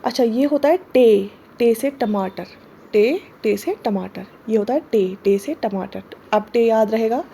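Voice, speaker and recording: A woman with a fairly high voice gives an online Urdu lesson. She says each letter and word slowly, repeats it, and often checks that her students follow. A faint hiss sits under the recording. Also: creaky, dark tone. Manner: patient, repeats words slowly, often checks with "theek hai". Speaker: Urdu teacher. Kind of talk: online exam-prep lesson.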